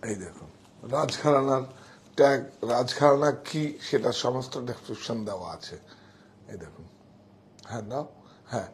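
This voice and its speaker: A man showing sarees in a live sales pitch, talking excitedly, repeating himself and directing helpers. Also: normal speed, pauses often. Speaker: saree shop seller.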